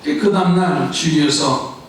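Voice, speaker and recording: A man's voice: fairly high pitch, measured pace, slight background noise. A man preaching a Sunday sermon as pastor, joking and asking the congregation questions and pushing them to answer. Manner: humorous, asks the congregation questions and urges answers. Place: church sanctuary. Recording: very echoey hall, voice from far off.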